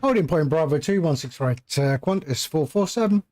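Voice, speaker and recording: A man's voice: on the high side, lively intonation, brisk, a little mellow. A man streaming a flight simulator as a pilot, casually talking himself through procedures and making radio calls. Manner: talks himself through steps.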